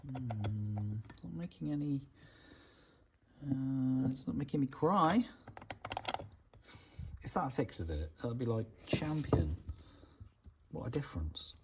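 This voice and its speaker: A man's voice: medium pitch, sing-song, takes it slowly, long pauses, noisy background. A man, chatting casually while he works in a cold garage, thinking aloud and tossing asides to his viewers. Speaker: motorcycle restoration vlogger.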